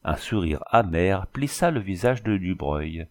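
A man reads a classic novel aloud with a measured, even storytelling manner. His voice sits on the low side. The reading is calm and unhurried. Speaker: audiobook narrator. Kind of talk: scripted narration.

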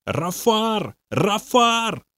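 A man voicing a boastful male demon speaking through a possessed youth, in a slow, low, gloating way. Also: big pitch swings, pushed and bright, no echo, clean studio sound, full character voice. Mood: frenzied.

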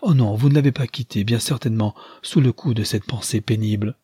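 A man's voice: medium pitch, fairly quick, warm tone, husky, no room sound. A man voicing a young mother, impassioned and tender, in an audiobook reading. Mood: pleading. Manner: pleading, urgent.

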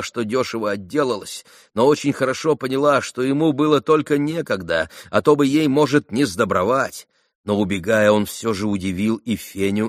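A man narrating a classic novel as an audiobook, reading in an expressive, dramatic way. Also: mid-range voice, no room sound, clean studio sound. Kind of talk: scripted narration.

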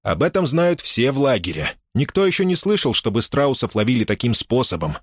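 A man's voice: mid-range voice, very animated, a little fast, husky, no echo, studio quality, voice pushed up. A man voicing a courteous, feverish male servant in an audiobook, speaking politely and deferentially.

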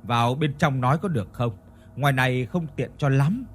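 A man voicing a calm, wise village healer in a ghost story. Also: medium pitch, fairly quick, close to an everyday voice.

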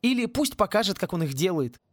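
A man reading an audiobook and voicing an eager, hurried young schoolboy wizard. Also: high voice, very animated, no echo, clean studio sound, pitched above the performer's own voice.

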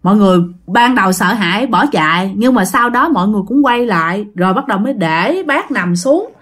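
A woman's voice: mid-range voice, expressive, brisk, fairly bright tone. Chatty Southern Vietnamese woman storyteller. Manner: chatty, addresses listeners directly. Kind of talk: ghost story narration.

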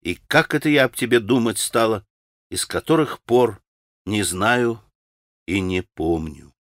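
A man's voice: on the low side, animated, measured pace, no room sound, clean studio sound. A man reading an audiobook voices a passionate, impulsive young woman who speaks with agitated emotion. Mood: tender, wistful.

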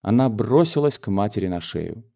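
A man narrating an audiobook of a classic novel in an expressive, measured way. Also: fairly low pitch, creaky. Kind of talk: scripted narration.

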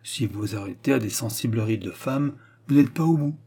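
A man voicing a proud, talkative forest warden, bright and eager in the reading of a novel. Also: medium pitch, animated, normal speed, slightly rough. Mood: chatty.

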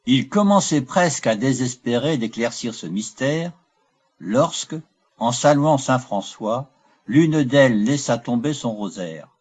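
A man reading a classic novel aloud as an audiobook, in measured, even narration. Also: mid-range voice, slightly rough. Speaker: audiobook reader. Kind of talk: scripted narration.

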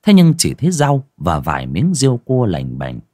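Male horror narrator, husky and dry-sounding, wide expressive pitch. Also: moderate pace, no room sound. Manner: dramatic, suspenseful storytelling. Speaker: audiobook narrator.

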